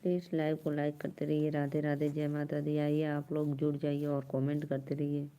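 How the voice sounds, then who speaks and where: A woman's voice: sits low, monotone, normal speed, dark tone. A young woman with an Awadhi accent hosting a folk-song live stream, chatting and teasing viewers and laughing often.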